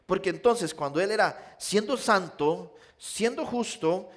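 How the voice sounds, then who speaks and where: A high-voiced male pastor with a Nicaraguan accent delivers a sermon. He tells stories and speaks straight to his listeners, moving between loud appeals and hushed, slower passages. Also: expressive. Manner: storytelling, addresses listeners as "usted", shifts between loud and hushed.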